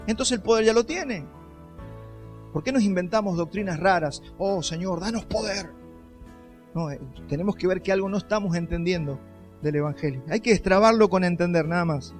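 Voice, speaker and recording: A male pastor, giving an emphatic sermon and putting rhetorical questions to the congregation. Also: high voice.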